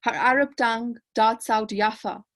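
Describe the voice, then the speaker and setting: A woman from Kashmir, reading her poetry aloud in a measured, lyrical way on a panel discussion held over a video call. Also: on the high side, fairly even intonation, a bit bright. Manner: measured, lyrical recitation with repeated refrains. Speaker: poet and panelist.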